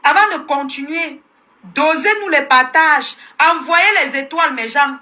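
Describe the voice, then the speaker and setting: High, sharp-voiced Cameroonian woman ranting. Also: unhurried. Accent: Cameroonian French. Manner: combative, scolding, repeats herself. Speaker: live-stream host. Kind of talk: heated live-stream rant. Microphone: phone live stream.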